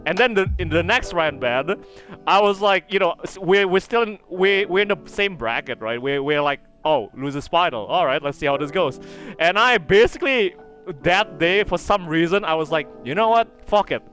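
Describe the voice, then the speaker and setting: A man's voice: high-pitched, expressive, moderate pace, fairly bright tone, faint music behind. A man guesting on a podcast, chatting casually, laughing often and swearing freely, with lots of restarts as he tells his stories. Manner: stumbles and restarts when telling stories. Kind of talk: casual chat.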